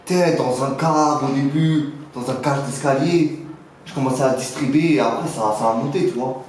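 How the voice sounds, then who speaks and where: A man's voice: mid-range voice, moderate pace, darkish tone, natural voice. A man playing a boastful young neighborhood dealer in a mock interview, rambling in French street slang full of filler words. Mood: boastful, casual. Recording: very echoey room, faint noise.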